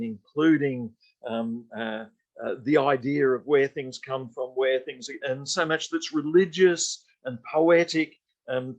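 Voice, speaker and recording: A man lecturing to a class in a mid-pitched voice. He talks off the cuff, with many ums and uhs and restarted sentences. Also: muffled recording. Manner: unscripted, with frequent fillers and restarts. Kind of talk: college lecture.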